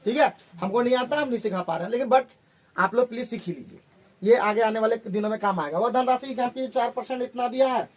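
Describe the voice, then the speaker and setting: A man teaching a maths class, firing questions at his students and working sums out loud. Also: high-pitched. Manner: drills students with rapid questions while calculating aloud. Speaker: maths tutor.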